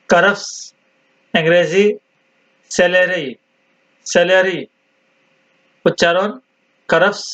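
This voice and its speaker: A man teaching vocabulary, deliberately repeating each word several times. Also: sits high, fairly bright tone. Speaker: language teacher. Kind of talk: slow vocabulary drill. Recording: dull lo-fi sound.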